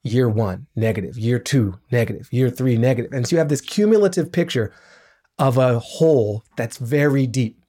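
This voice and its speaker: A middle-aged man, a podcast guest, explaining his points in an animated, emphatic way. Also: mid-range voice, moderate pace. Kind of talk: podcast interview.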